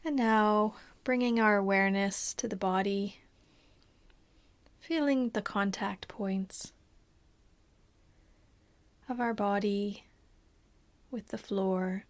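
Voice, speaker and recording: In a mid-range voice, a woman leads a guided body scan as a meditation teacher. She's calm and soothing and takes her time, her soft, breathy tone often sliding toward a whisper.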